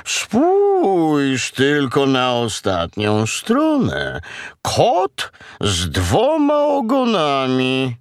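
A man voicing a calm, grumbling cow in a storybook reading, drawn-out and murmuring. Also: mid-range voice, no echo, clean studio sound, voice pushed up, heavily acted. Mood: musing.

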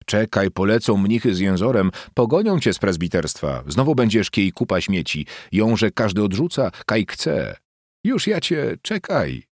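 A man reading an audiobook, voicing a shrill, sharp-tongued peasant wife who scolds and mocks her husband. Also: big pitch swings, a little slow, no echo, clean studio sound, exaggerated voice. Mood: scolding. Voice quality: shrill, mocking and jeering.

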